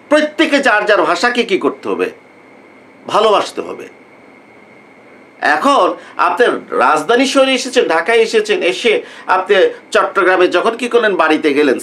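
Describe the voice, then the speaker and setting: A man's voice: sits high, fairly bright tone. A male lecturer from Bangladesh giving students an informal talk, often stopping mid-sentence on a questioning filler before finishing the thought. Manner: repetitive, rhetorical, fills pauses with a questioning "what". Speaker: economics lecturer.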